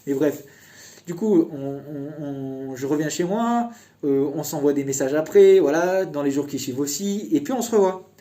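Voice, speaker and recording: A man's voice: fairly high pitch, animated, moderate pace, mellow. A young man casually telling a personal story in a chatty, meandering way.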